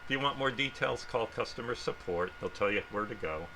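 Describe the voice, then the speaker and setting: A man's voice: fairly low pitch, expressive, fairly quick, pushed and bright. A middle-aged man giving an informal guided tour of a warehouse, speaking through a face mask. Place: large indoor warehouse. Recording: noisy warehouse ambience.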